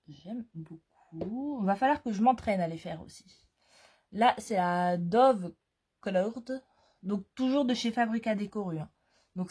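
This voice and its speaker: A woman talks through a crafting haul in an easy, unhurried chat. Her voice is mellow and slightly husky, and she pauses often on fillers as she goes. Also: a little high. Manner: chatty, hesitant with frequent fillers. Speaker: scrapbooking vlogger. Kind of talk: casual product haul chat.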